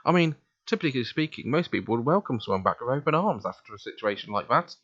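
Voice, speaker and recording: A man with a medium-pitched, slightly bright voice reads a visual novel aloud quickly and with lively intonation, acting out the dialogue as the protagonist in a let's play. His tone is casual and conversational, and the audio is lo-fi.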